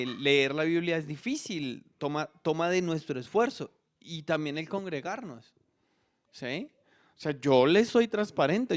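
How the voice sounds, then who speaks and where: A middle-aged man preaching a sermon as pastor, talking conversationally and asking the congregation frequent questions. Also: fairly high pitch.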